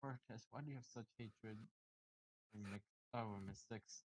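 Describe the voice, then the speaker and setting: A man's voice: fairly low pitch, a little slow, poor audio. A man playing in a tabletop game, rambling through a made-up story and stumbling over his words. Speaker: player. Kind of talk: casual tabletop chat, telling a mock story.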